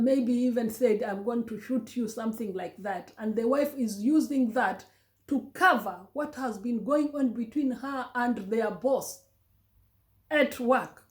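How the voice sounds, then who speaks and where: A woman's voice: fairly high pitch, a little mellow. A woman with a Kenyan accent giving emotional commentary on a story, pleading and impassioned, often stammering and restarting her sentences. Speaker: vlogger. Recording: roomy echo.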